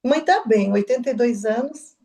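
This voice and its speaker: Soft, halting woman. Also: a little high. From southern Brazil. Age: middle-aged. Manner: halting, soft-spoken, with restarts and quoted dialogue. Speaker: interview guest. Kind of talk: personal testimony.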